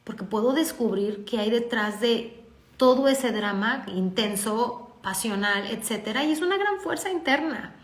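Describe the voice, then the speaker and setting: A woman's voice: fairly high pitch, measured pace. A woman with a Mexican accent, telling a family story in a talk for parents and acting out the dialogue. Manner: lively, acts out dialogue. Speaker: parenting speaker. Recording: echoey room.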